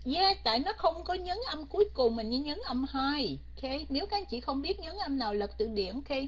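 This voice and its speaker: A woman's voice: high voice, expressive, moderate pace, highs cut off. A woman teacher leading an online English grammar lesson, coaxing and quizzing her students and slipping English words in.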